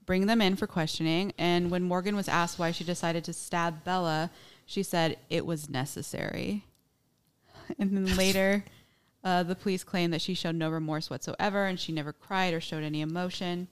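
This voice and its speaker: Over slight background noise, a female podcast host with a fairly low voice speaks at normal speed in a steady tone. She casually talks through a true crime story, full of "like"s and "um"s and quick to laugh.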